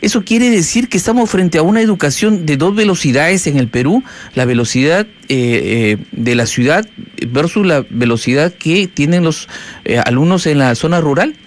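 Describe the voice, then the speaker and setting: A man's voice: on the high side, expressive, normal speed. A male radio host asking formal questions in an interview and giving short replies.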